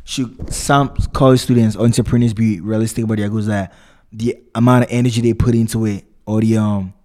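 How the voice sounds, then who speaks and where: A man's voice: fairly low pitch, fairly even intonation, brisk, a little mellow. A young man chatting casually in a slangy frat-bro manner, rambling and repeating himself. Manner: frat-bro slangy talk, constantly saying "bro"; rambling, repetitive, loose phrasing. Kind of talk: casual conversation.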